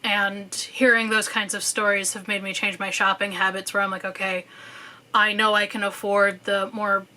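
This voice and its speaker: A woman's voice: mid-range voice, level tone, moderate pace, pushed and bright. A young woman, a student, speaking in a candid personal monologue, thoughtful at times and sarcastic at others, with casual swearing and frequent fillers.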